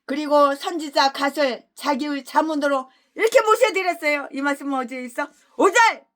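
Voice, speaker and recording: High, bright-voiced woman pastor ranting. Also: brisk. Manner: abusive, swings between shouting and muttering. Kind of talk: expository sermon with angry tirades.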